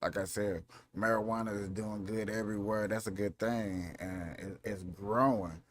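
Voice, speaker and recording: A man's voice: lowish voice, fairly even intonation, moderate pace, a bit bright. A man hosting a casual commentary vlog, rambling and repeating himself as he talks over clips. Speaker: vlog host.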